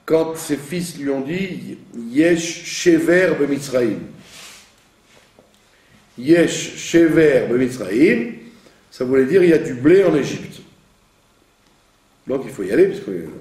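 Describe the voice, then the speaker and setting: A man's voice: medium pitch, mellow. A man teaching the reading of Hebrew prayer, patiently explaining and often checking that he has been understood. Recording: echoey room, from a distance.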